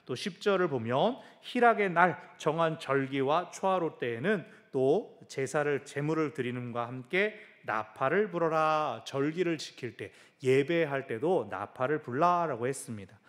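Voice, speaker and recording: A male pastor preaching a sermon in a church, telling stories lively and mimicking sounds with his mouth. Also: on the high side, normal speed, hardly any pauses. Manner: animated storytelling with sound effects.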